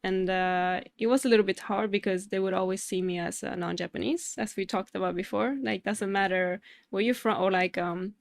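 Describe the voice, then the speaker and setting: A woman in her late twenties from Sweden, a Swedish native speaker, talking as a podcast guest in a relaxed, hesitant way with small laughs. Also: mid-range voice, fairly quick, vocal fry, few pauses. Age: late 20s. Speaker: guest, fitness instructor. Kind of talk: casual interview chat.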